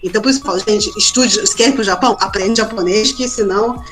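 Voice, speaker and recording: A woman's voice: mid-range voice, fast talker, faint music behind. A woman from Brazil, a podcast guest, chatting casually and telling stories with lots of tag questions. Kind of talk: casual interview chat.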